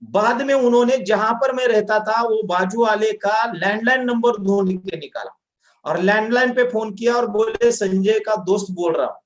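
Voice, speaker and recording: A man's voice: high-pitched, moderate pace, roomy sound. A man telling his own story as a motivational testimonial, acting out the dialogue. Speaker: direct selling distributor.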